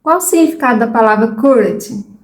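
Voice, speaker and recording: Brazilian woman, 30s, casual vlogger, a bit high-pitched, frank and scattered, roomy echo. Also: lively intonation, a little fast. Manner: chatty, frank, loses her train of thought. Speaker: vlogger learning English. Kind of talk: casual chat to viewers.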